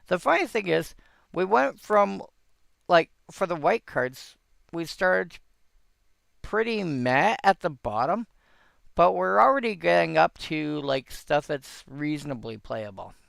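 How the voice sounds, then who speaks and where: Slow, gravelly man musing aloud. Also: fairly high pitch, animated, a bit bright, dry recording, clean studio sound. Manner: rambling, thinking aloud with frequent restarts. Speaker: host reviewing old game cards. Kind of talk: casual solo commentary.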